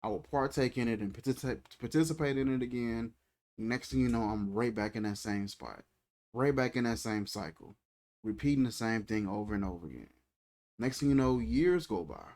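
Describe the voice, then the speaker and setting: A man's voice: medium pitch, moderate pace, darkish tone. A man in his thirties giving a reflective, conversational faith talk, repeating phrases and speaking in a loose, colloquial way. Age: 30s. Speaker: faith channel host.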